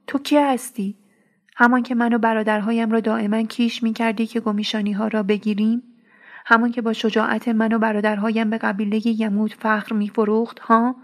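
A woman's voice: on the high side, lightly acted. A woman reading as a cold, ruthless young warrior. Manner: cold, scornful, harsh.

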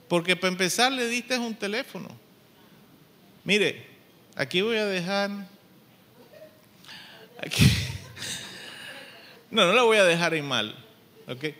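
A middle-aged pastor delivers a sermon in a high, bright voice. He is emphatic and blunt, dropping wry jokes as he goes. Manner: emphatic, blunt, joking asides.

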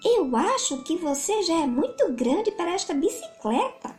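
A woman's voice: extremely high pitch, big pitch swings, moderate pace, darkish tone, faint music behind, voice pushed up. A Brazilian woman voicing a kindly mother bear from a children's storybook in a sing-song character voice. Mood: gently firm.

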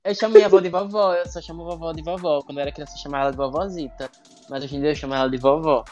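A man's voice: on the high side, steady tone, rapid-fire. A man telling a ghost story in a rambling, casual way, with many fillers and some laughter, as a guest on a podcast. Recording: dull lo-fi sound with faint music.

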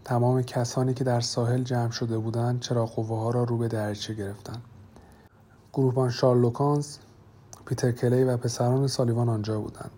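A man narrating an audiobook in a measured, dramatic storytelling manner. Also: mid-range voice, flat delivery, warm tone.

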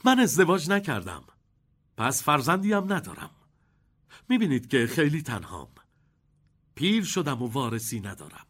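A man's voice: fairly high pitch, a bit bright, heavily acted. A man voicing an eccentric, kindly old chocolate maker in an audiobook, with a theatrical, chuckling delivery.

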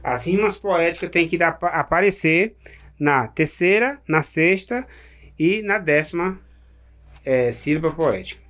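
A man explaining cordel verse forms in casual chat, patient and halting, with many restarts. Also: fairly high pitch, animated, a bit bright.

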